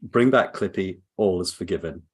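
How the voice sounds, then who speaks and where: A man's voice: sits low, moderate pace, breathy edge. A man in casual group chat, ranting with comic exasperation and some swearing.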